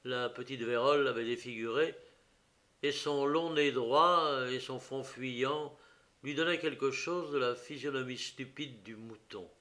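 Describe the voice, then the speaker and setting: A man narrating an audiobook of a detective story in a slow, dramatic reading. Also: medium pitch, bright, forceful tone.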